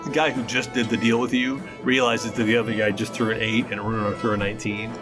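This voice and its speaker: A man's voice: fairly low pitch, level tone, fast talker. A man running a tabletop game as game master, narrating casually. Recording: music behind the voice.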